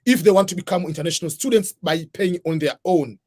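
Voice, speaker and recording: A man's voice: high voice, fast talker, darkish tone. Methodical man explaining step by step. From Tanzania. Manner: methodical, breaks topics into numbered points. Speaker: guest, scholarship advisor. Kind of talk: explanatory interview talk.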